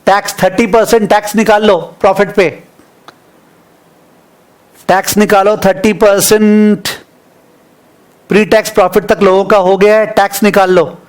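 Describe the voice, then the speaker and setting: A high-pitched male teacher with an Indian English accent leads a live online finance class. He reads out figures slowly and repeats them for dictation. Between numbers he teases his students by name. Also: little pitch movement.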